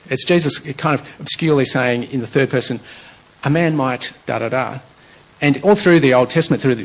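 A man's voice: mid-range voice, vocal fry, fairly bright tone, husky, rough recording. A man preaching a conversational, explanatory sermon, working through a passage verse by verse.

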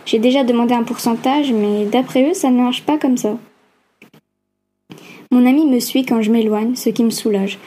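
A woman narrating a first-person novel aloud in an even, steady reading. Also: fairly high pitch, moderate pace. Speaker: audiobook narrator.

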